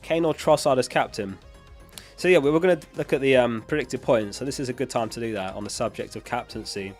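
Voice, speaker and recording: Soft music plays behind a man whose mid-range voice runs fairly quick. He chats as a livestream host, reading out and matter-of-factly answering viewer questions, while illness wears his voice thin. He's captured on a close dynamic studio microphone.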